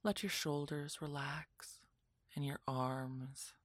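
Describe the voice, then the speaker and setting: A woman narrating a guided relaxation meditation in a soft, soothing, breathy voice that often drops into a whisper, like a spa session. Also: deep voice, steady tone, takes it slowly, no room sound, clean studio sound.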